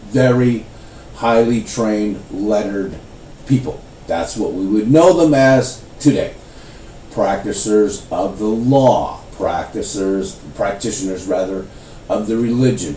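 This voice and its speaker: Casual man teaching the Bible, roomy sound. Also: fairly low pitch. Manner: animated storytelling, acts out voices. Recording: roomy, distant, faint background noise.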